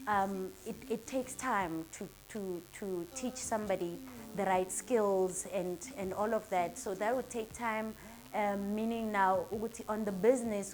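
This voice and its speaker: Answering an interviewer, a South African-accented woman in her thirties who runs a salon in Durban sounds earnest, upbeat and motivational. Her voice is mid-range.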